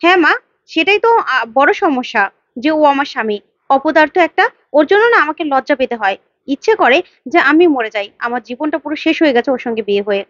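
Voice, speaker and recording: A woman voicing a sharp-tongued young wife who mocks her husband, in a retold serial. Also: high-pitched, lively intonation, fast, dry recording, dull audio. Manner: mocking, scornful.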